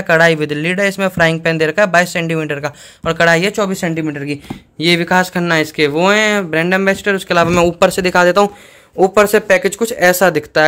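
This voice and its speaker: A man's voice: high voice, a bit bright, smooth. A man doing a casual unboxing review, chatting to viewers and explaining each step plainly. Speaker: product reviewer.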